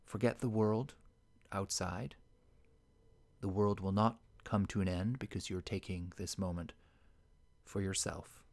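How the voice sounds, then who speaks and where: A man leading a guided meditation in a soft, slow and soothing voice that sometimes sinks to a whisper. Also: sits low, steady tone, creaky.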